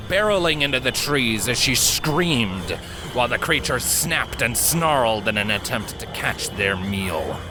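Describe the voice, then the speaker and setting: As an audiobook narrator, a man reads a story with dramatic, suspenseful, deliberate phrasing. His voice is mid-range, and the audio quality is poor.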